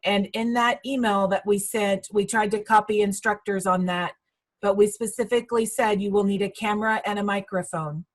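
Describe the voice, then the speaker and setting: A woman from college staff answers questions on a video call training. She speaks in a measured, informative way, often pausing with fillers. Her pitch is an ordinary middle. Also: steady tone, poor audio.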